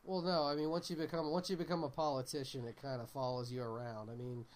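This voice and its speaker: A man's voice: medium pitch, flat delivery, quick pace. A man chatting casually about films on a podcast, emphatic and joking. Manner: emphatic, joking, puts on mock voices. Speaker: podcast co-host. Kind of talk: casual chat.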